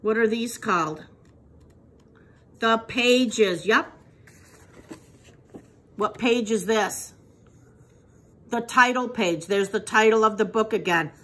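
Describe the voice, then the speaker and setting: A preschool teacher with a slightly high, fairly bright voice reads a picture book aloud to young children, speaking slowly and pausing often. She patiently asks them questions and praises their answers.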